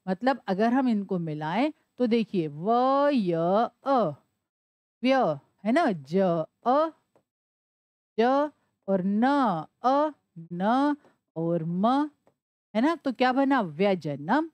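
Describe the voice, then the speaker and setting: Slow, lively woman teacher, spelling aloud. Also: on the high side, no echo. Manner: spells words out slowly letter by letter, asking and answering her own questions. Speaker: Sanskrit teacher. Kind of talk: classroom explanation.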